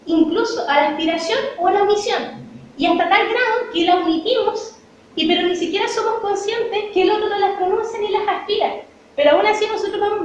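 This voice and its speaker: A woman with a Chilean accent gives a university lecture to students, explaining her points and posing rhetorical questions that she then answers. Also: very high-pitched. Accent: Chilean Spanish. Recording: echoey hall from far off, dull lo-fi, faint noise.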